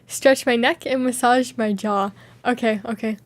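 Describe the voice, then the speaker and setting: Reading out viewer questions in a casual live Q&A, this woman streamer reacts playfully with frequent giggles. Her slightly high voice stays steady at a measured pace, recorded dry.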